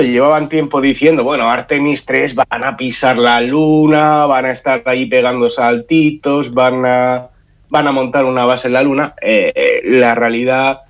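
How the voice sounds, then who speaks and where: A man from Spain with a nasal voice stuffed up by a cold, explaining things conversationally in a radio interview and often repeating words. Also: mid-range voice. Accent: Spanish from Spain. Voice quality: nasal, congested. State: has a head cold. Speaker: science outreach association spokesman, radio guest. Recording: muffled, dull band-limited sound.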